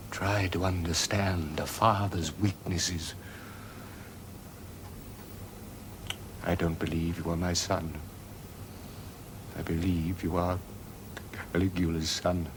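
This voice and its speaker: An aging Roman emperor and anxious father with a deep, low voice and a halting, hesitant delivery. A faint hiss runs under it, like an old television drama soundtrack. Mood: pleading. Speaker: actor in a television period drama. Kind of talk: 1970s television drama acting.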